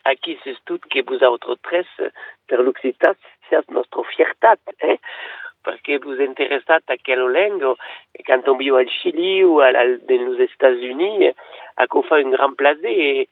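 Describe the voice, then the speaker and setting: A man's voice: medium pitch, moderate pace, gravelly, dry recording. A man speaking as a radio guest, talking in a hesitant way and mixing French with Occitan, heard over a phone line. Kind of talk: radio interview.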